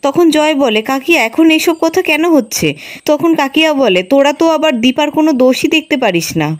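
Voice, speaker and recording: High-voiced woman narrating a serial recap. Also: animated, a little fast. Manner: reads every character's lines in her own narrating voice. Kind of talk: scripted narration retelling a TV serial.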